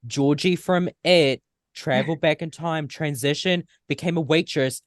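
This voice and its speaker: A co-host bantering on a casual panel in a joking, campy manner. The voice is mid-pitched and recorded dry. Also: unhurried, no echo. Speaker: podcast co-host.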